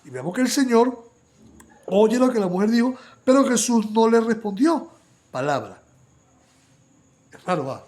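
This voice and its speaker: A male preacher with a fairly high voice delivers a fervent Bible study sermon. He stumbles into repeated words and restarts, then rises into loud, urgent stretches before dropping back to quiet, intimate asides. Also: very animated, unhurried, pauses often. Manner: fervent, many restarts and repetitions, swings between loud bursts and quiet asides.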